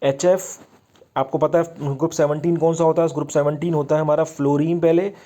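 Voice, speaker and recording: Male chemistry teacher, mellow and fairly high voice, quizzes himself as he explains. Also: little pitch movement, fairly quick. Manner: explains step by step, asks and answers own questions. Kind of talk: exam-prep lesson.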